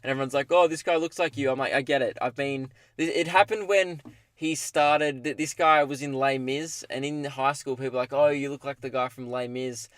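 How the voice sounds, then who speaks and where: Young male podcaster, Australian accent. Mid-pitched, casual, rambling, self-mocking humour, recorded dry in a parked car. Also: fairly even intonation, a little fast, fairly bright tone, dry recording. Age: young adult. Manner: self-deprecating, joking. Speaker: solo podcast host.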